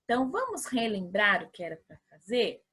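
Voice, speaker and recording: A woman's voice: mid-range voice, very animated, fairly quick, fairly bright tone, breathy edge. A Brazilian woman teaching a remote lesson to young children. She is patient and encouraging, sounds words out syllable by syllable, and keeps checking that the children are following. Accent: Brazilian Portuguese. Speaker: primary school teacher.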